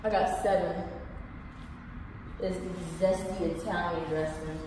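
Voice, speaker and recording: A woman's voice: fairly low pitch, fairly even intonation, measured pace. A woman in her twenties bickering casually on a vlog, blunt and complaining. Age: 20s. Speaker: vlogger in challenge video. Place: large bare room indoors. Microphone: camera a few feet away. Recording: echoey room, distant mic, clear background noise.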